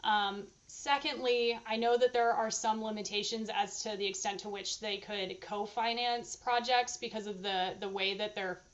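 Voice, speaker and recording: A woman's voice: mid-range voice, steady tone, normal speed, few pauses, dull audio. A woman answering questions at her dissertation defense, thinking aloud in a hesitant, hedging, informal academic way.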